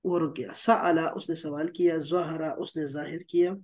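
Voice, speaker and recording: High-voiced man teaching a translation class. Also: fairly even intonation, darkish tone. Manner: patient, explains with repeated checks like "theek hai?".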